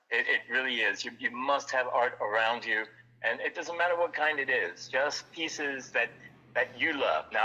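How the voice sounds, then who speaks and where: Bright-voiced man, earnest gallery owner. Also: medium pitch, poor audio. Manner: earnest, repeats words as he talks. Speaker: art gallery owner, guest. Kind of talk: casual interview.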